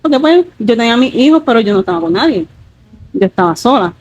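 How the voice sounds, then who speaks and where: Woman, 30s, slightly high pitch; earnest testimony with many fillers. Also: big pitch swings, fast talker, slightly rough, low-quality recording. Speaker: guest giving a testimony. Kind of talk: emotional personal testimony.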